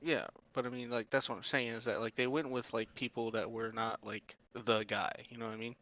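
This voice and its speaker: A man's voice: medium pitch, level tone, a little fast, fairly bright tone, low-quality recording. A young man co-hosting a podcast, chatting casually in a blunt, sweary, ranting way. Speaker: podcast co-host. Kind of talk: casual chat.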